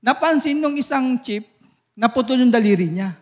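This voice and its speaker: Pastor guy with a pretty high voice, preaching, chatty stories and lots of amens. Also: normal speed. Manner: lively storytelling, laughs often, asks the congregation for amens. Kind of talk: sermon. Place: church service.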